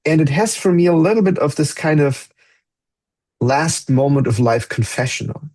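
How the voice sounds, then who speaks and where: A man's voice: on the high side, lively intonation, normal speed, darkish tone. A man hosting a podcast, speaking in a thoughtful, earnest way and searching for his words as he reflects. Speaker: podcast host.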